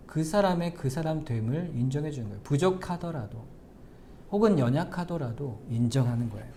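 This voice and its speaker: With slight background noise behind him, a middle-aged pastor speaks directly to his congregation during a sermon. His pitch is medium, and he shifts between forceful, loud lines and softer asides.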